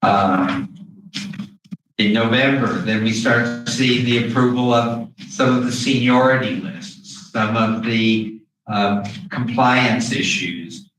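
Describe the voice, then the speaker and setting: A man speaking through a face mask, explaining things haltingly as an official at a public meeting, with pauses and throat clearing. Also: medium pitch, fairly even intonation, a bit bright. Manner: hesitant, with long pauses and frequent throat clearing. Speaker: school district official presenting to a board. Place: indoor meeting room. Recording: very echoey room, distant mic, faint noise.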